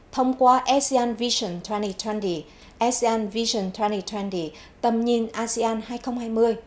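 A woman with a slightly high voice and a darkish tone teaches English vocabulary on a TV broadcast from a studio. Each English word gets repeated twice before she gives its meaning, all in a clear, measured classroom delivery.

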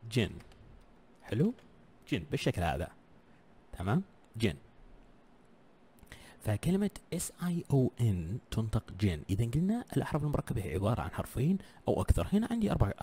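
A man's voice: lowish voice, warm tone, husky. A man teaching English pronunciation in an online lesson. He repeats each sound many times and keeps checking in with his learners.

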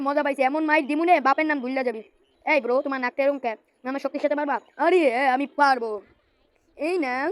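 High-voiced woman, comic cartoon dub. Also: dry recording. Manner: loud exclaiming, rapid shifts between character voices. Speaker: channel voice performer. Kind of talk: comic cartoon dub, voicing every character.

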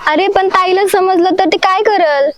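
A woman's voice: extremely high pitch, moderate pace, noisy background. A young woman playing a worried, scolding schoolgirl in a comedy sketch. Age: teens. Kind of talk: acted comedy sketch dialogue.

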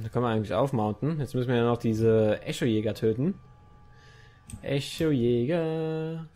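A man's voice: mid-range voice, mellow. A young man commenting on his own gameplay in a chatty let's-play style, talking to the game and his viewers and swearing now and then. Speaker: gaming YouTuber.

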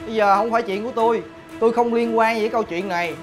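A man playing a greedy, smooth-talking young lover who speaks in a sly, dismissive way, with music behind. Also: high-pitched, fairly even intonation, rapid-fire, lightly acted. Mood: defiant. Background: background music.

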